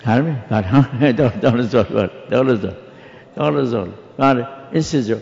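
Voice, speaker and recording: Male religious lecturer, very gravelly voice, patient and explanatory, pronouncing sounds slowly. Dull, reverberant lecture-hall recording. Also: mid-range voice, a little mellow. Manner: spells out Arabic letter sounds slowly, explanatory. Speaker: religious scholar teaching. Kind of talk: jurisprudence lecture.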